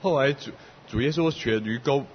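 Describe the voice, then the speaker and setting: A man interpreting a sermon phrase by phrase, repeating each line in plain steady wording in a church hall. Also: medium pitch, normal speed, a little hiss or hum. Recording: lo-fi recording with long hall reverb.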